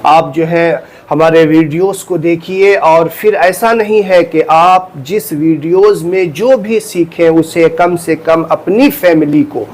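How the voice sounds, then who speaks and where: A man giving a religious lesson, explaining step by step with earnest repetition and reciting phrases slowly to demonstrate. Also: fairly high pitch. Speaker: religious teacher. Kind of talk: instructional talk on prayer.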